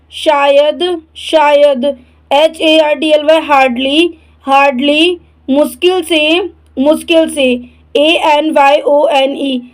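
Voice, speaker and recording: A woman teaching English words, spelling each one letter by letter, saying it twice, then giving its Hindi meaning. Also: sits high. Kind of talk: slow spelling drill.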